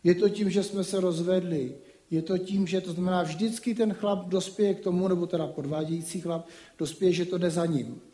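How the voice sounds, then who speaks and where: A man with a high, warm voice and fairly even intonation gives a casual lecture. He speaks colloquially, often adding rhetorical asides. A roomy echo colors the recording.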